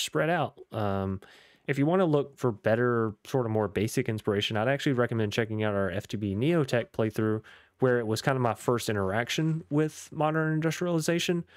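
A gaming YouTuber, a young man who's losing his voice, gives casual, upbeat gameplay commentary, rambling with fillers as he plays. His mid-range voice sounds slightly worn. The recording is dry and clean studio quality.

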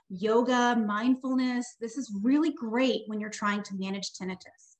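Woman audiologist on a zoom webinar, a bit high voice, explains steady and clear. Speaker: audiologist and tinnitus specialist. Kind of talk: webinar presentation. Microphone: video call.

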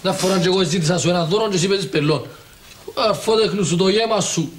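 An actor playing a cheeky young nephew who pleads and teases, with a Cypriot Greek accent. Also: male voice, high voice, slight background noise, close to an everyday voice. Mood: wheedling. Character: cheeky young nephew, male, wheedling for money. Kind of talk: TV sitcom acting.

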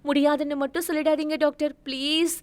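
A woman reading a story aloud voices a young pregnant woman who begs in a rushed, tearful way. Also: high voice, flat delivery, dry recording, pitched above the performer's own voice, close to an everyday voice. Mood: pleading. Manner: tearful begging, rushed and urgent.

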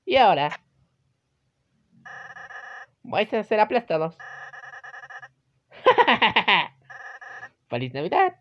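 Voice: mid-range voice, wildly swooping pitch, fairly quick, muffled recording, slight background noise, voice pushed up. A person voicing a boastful, childish cartoon villain jester in a theatrical manner for a video game. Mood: gleeful, menacing.

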